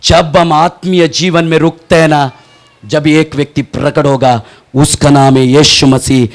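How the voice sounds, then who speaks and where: A man preaching a fervent sermon as pastor, moving between shouted peaks and hushed asides, often asking questions and answering them himself. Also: a little high, flat delivery, measured pace. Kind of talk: impassioned Hindi sermon.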